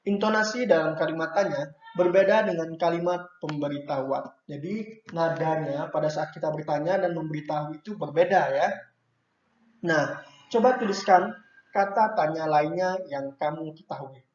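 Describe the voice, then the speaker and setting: A man's voice: a little high, moderate pace, slight background noise. A man teaching young children from a workbook, patiently explaining each task and often adding short checks like "ya" and "nah". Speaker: primary school teacher. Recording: echoey room, dull lo-fi sound.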